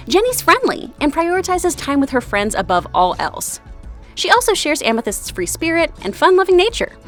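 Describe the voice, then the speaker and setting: A woman with a twangy Texan accent hosting a scripted explainer, chatty and playful with casual asides. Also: sits high. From Texas, USA. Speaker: video host.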